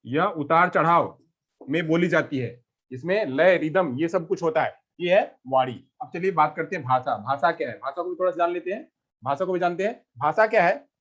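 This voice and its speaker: A man's voice: fairly high pitch, normal speed, a bit bright. A male teacher giving a lecture, asking questions and answering them himself, with lots of repetition. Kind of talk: classroom lecture. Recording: lo-fi muffled recording.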